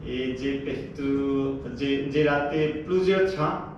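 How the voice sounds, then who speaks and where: A man with a foreign accent in French, giving an informal live presentation haltingly, repeating and searching for his words. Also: medium pitch, lo-fi sound. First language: not French. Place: echoey room, presenting to a group. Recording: echoey, distant, noisy room.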